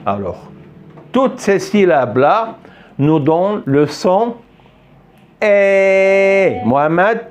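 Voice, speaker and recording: A man's voice: fairly high pitch, sing-song, slow pace, a little mellow. A man teaching French in a classroom, patiently repeating words and asking often if the students follow. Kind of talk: classroom lesson. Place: classroom with a board.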